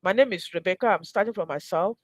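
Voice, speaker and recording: A woman with a Nigerian accent hosts a promotional live pitch to viewers as a mentor, earnest and exhortatory, repeating phrases for emphasis. Her mid-range voice moves quickly, recorded in studio quality with no room sound.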